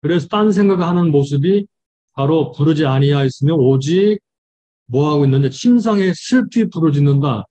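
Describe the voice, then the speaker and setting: A man, a pastor, giving a Bible study lecture, reading verses slowly and explaining them with frequent fillers. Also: fairly high pitch, mellow.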